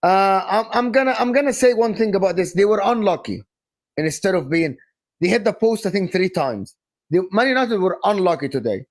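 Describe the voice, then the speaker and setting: A young adult man from Egypt co-hosting a casual football live stream, emphatic and animated, often repeating and restarting his phrases. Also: sits high, brisk. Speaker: football channel co-host.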